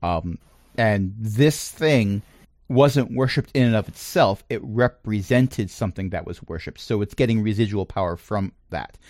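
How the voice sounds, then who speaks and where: A man running a tabletop game as game master, explaining lore and rulings with measured emphasis. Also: on the low side, darkish tone, no echo, clean studio sound.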